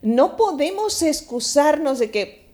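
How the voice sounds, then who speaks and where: A woman co-host with a fairly high voice, talking in a thoughtful, unhurried way. She laughs easily between ideas and muses on life in a relaxed chat. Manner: reflective, laughs often while talking. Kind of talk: casual chat.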